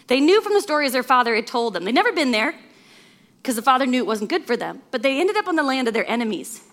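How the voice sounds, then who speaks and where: A woman guest preacher telling a story in a sermon, lively and chuckling often. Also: sits high, quick pace.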